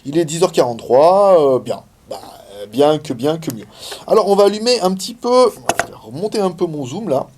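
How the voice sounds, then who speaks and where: A man's voice: fairly high pitch, sing-song, fairly quick, noisy background. A man giving a casual, chatty hands-on demo of a gadget, with many fillers and laughs. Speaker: tech reviewer. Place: indoors, filming in China.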